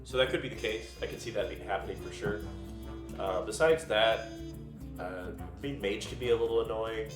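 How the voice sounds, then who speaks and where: A man's voice: on the low side, moderate pace. A congested man with a nasal voice, casting a live card-game tournament in a chatty way full of fillers. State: under the weather, congested. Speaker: tournament caster. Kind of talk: live esports commentary. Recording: echoey room with game music behind.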